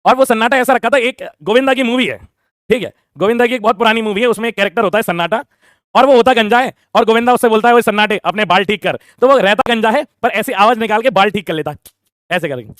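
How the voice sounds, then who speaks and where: A young man tells a school story at a rapid clip, his voice sitting high for a man. He acts out each character as he goes. The sound is dry and close. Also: dry recording. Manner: animated, acts out the teacher and classmates in quick voices. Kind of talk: casual storytelling.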